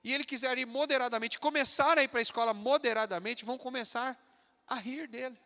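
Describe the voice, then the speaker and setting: A São Paulo Brazilian preacher with a high, very bright voice delivers an animated, emphatic sermon. He swings between loud bursts and quieter asides. The sound carries a long church-hall reverb. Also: a little fast. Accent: Brazilian Portuguese, São Paulo. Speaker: pastor.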